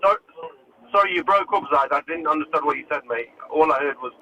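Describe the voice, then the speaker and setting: A man's voice: on the high side, fast, sharp tone. A man calling in by phone, hesitant and repeating words, with the call breaking up. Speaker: caller. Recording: muffled phone line with faint noise.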